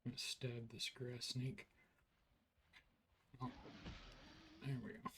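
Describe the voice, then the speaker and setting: A husky, fairly bright medium-pitched voice with little pitch movement belongs to a man streaming an online RPG at a slow pace. Yawning and tired, he gives laid-back, drifting gameplay commentary that leans on "like."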